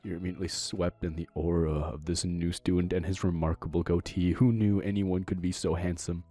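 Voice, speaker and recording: A man's voice: sits low, level tone, fairly quick, mellow, faint music behind. A young man streaming a dating sim, reading the narration aloud and riffing playfully. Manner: playful, reads narration and riffs on it. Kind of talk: casual game commentary, reading aloud.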